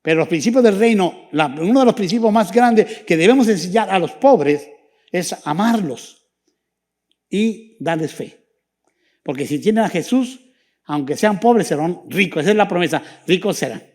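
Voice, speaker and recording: A man's voice: high voice, animated, normal speed. A man preaching a church sermon as pastor, then leading the congregation in fervent prayer. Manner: fervent preaching, rising and dropping to hushed prayer.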